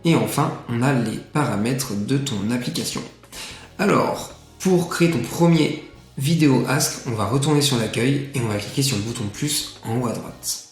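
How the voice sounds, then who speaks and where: A man casually walking the viewer through a software tutorial, chatty and full of filler sounds. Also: mid-range voice. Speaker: tutorial presenter. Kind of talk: casual screen-share tutorial. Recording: echoey room, faint music.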